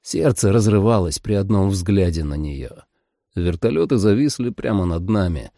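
A man's voice: deep voice, animated, normal speed, dark tone, no room sound, clean studio sound. A man narrating a first-person action audiobook dramatically. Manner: dramatic, voices every character.

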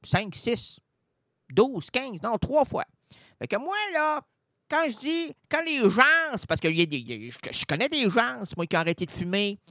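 A man with a Quebec French accent delivering a rambling, absurd comic monologue on radio, swinging between loud outbursts and mutters. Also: extremely high pitch, big pitch swings, fairly quick, dry recording. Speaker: radio comedian. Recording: dry radio studio.

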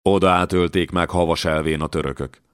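A man voicing a proud young warrior who speaks gruffly and curtly. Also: low voice, fairly even intonation, no room sound, clean studio sound, lightly acted.

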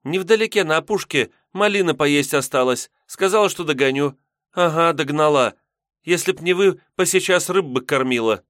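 A man's voice: a little high, moderate pace, fairly bright tone, no room sound, clean studio sound, pitched above the performer's own voice, lightly acted. Man voicing a timid young peasant girl. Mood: rueful. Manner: fearful, pleading. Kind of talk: audiobook character voice.

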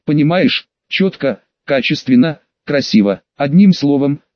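A man voicing a tearful young woman singer who speaks haltingly in an audiobook reading. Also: a little high, lively intonation, no room sound, lo-fi sound. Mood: hopeful. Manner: sobbing, halting speech.

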